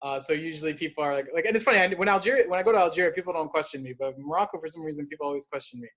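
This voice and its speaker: Young man, higher-pitched, rambling and self-deprecating casual talker. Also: racing, a bit bright. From partly raised in the Gulf, of North African parents. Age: young adult. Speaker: cooking class host. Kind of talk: casual personal chat.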